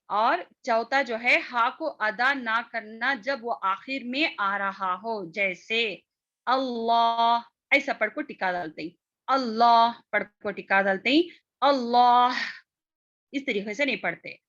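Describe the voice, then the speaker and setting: A woman teaches a recitation class in a bright, fairly high voice, explaining step by step. She often pauses to ask whether her students understand, and she drags out the letter sounds to demonstrate them. The audio is dull and lo-fi. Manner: explains step by step, checks understanding with repeated "theek hai" and "hm?". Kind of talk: online class lesson.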